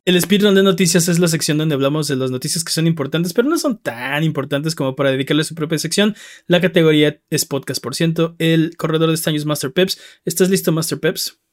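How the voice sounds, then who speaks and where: A man's voice: fairly high pitch, a little fast. A man hosting a casual gaming podcast, joking around and introducing segments like an announcer. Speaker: podcast host.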